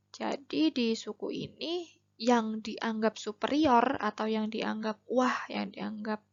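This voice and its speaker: A woman teacher with a Javanese accent and a fairly high voice talks her pupils through a lesson, patient and chatty. She asks them questions as she goes. The recording sounds dull and lo-fi. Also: creaky. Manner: explains patiently, addresses students directly with questions. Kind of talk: classroom lesson video.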